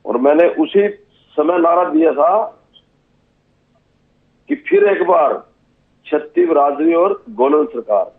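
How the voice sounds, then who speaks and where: A man from Haryana, a state legislator answering in a TV debate, speaking deliberately and repeating phrases. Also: a little high, expressive, phone-quality sound. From Haryana, India.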